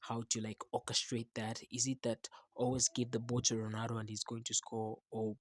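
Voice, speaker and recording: A man's voice: medium pitch, completely flat delivery, normal speed, no room sound, clean studio sound. A man giving casual, opinionated football commentary, emphatic and often repeating words and phrases for stress. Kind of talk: casual match commentary to camera.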